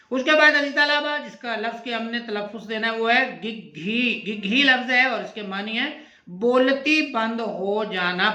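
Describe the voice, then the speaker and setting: A man with a Pakistani Urdu accent, teaching an exam-prep lesson and going slowly and deliberately through the answers, repeating words for his students. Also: high-pitched, sharp tone, echoey room.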